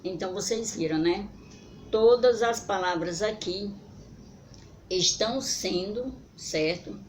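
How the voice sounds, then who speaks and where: A woman's voice: mid-range voice, a little mellow. A woman teaching young children, drawing out words syllable by syllable and checking in with short questions. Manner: drawn-out syllable-by-syllable pronunciation, frequent "certo?" and "né?" check-ins. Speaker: primary school teacher. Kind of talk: slow, deliberate spelling lesson for children. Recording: echoey room with background noise.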